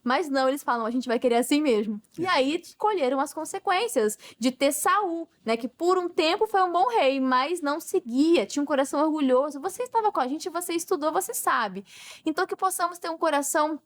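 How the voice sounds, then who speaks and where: A woman's voice: high voice, expressive, brisk. A Brazilian woman hosting a Bible study podcast, talking in an earnest, emphatic, teaching way. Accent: Brazilian Portuguese. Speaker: podcast host.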